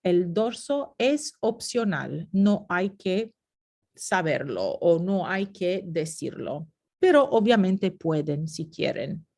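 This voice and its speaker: A woman's voice: on the low side, big pitch swings, takes it slowly, darkish tone. A woman teaching a phonetics lesson over slides, explaining step by step and slipping into short English asides. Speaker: Spanish teacher.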